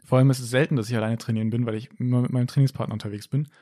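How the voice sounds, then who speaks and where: A young man chatting casually as podcast co-host, acting out quotes with big pitch jumps. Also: steady tone, rapid-fire, mellow, no echo, studio quality. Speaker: podcast co-host telling a story. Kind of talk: casual chat.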